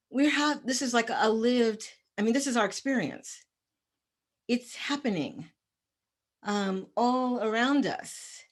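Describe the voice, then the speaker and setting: A woman with a fairly high, trembling voice speaks as a panelist. She talks slowly and with emphasis, full of feeling. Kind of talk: panel discussion.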